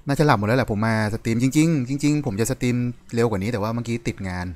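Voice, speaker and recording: Fast-talking young man streaming a card game. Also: mid-range voice, darkish tone. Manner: fast, chatty, greets viewers, apologetic. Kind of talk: casual live-stream commentary. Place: home room at night.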